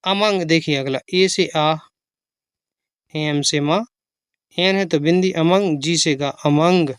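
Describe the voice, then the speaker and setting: An English teacher giving a slow phonics reading lesson, spelling each word out letter by letter and explaining how to pronounce it. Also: mid-range voice, smooth, dry recording, studio quality. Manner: spells letters aloud one by one, patient and explanatory.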